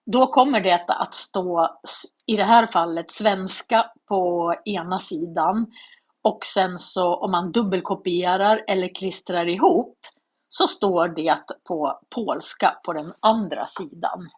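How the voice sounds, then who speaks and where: A woman's voice: lowish voice, breathy edge. A woman explaining a study method step by step, in a practical tone.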